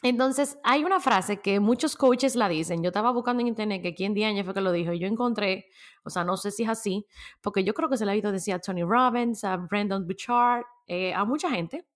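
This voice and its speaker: A woman hosting a casual solo podcast, chatty and animated, laughing often as she talks. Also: mid-range voice, brisk. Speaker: podcast host.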